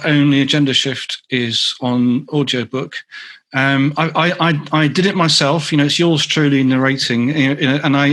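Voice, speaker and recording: A man's voice: a little high, fairly bright tone. A man with a North London accent, a guest author answering questions on a video call, talking in a rambling way full of restarts and ums. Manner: rambling, self-correcting, lots of ums. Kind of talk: online meetup Q&A answer.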